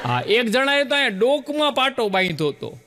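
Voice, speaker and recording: A man's voice: very high voice, a little fast, long reverb tail, heavy background noise. A man with a Gujarati accent telling jokes on stage to a laughing audience, acting out the people in his stories. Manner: animated storyteller acting out quoted characters. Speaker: stand-up comedian.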